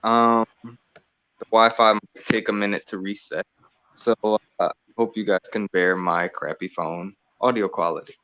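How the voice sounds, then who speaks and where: Guy on a phone call, slow and halting, lots of uhs, muffled lo-fi phone sound. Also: fairly low pitch, pushed and bright, a little hiss or hum. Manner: halting, many fillers. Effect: speaking over a phone line. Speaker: panel participant calling in. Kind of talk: casual group discussion. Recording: dull lo-fi phone audio.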